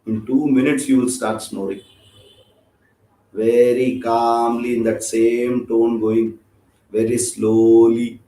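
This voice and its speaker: A man's voice: mid-range voice, a little mellow. A man with an Indian accent teaching an informal scripture class, chatty and joking, often checking in with his listeners. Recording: roomy echo.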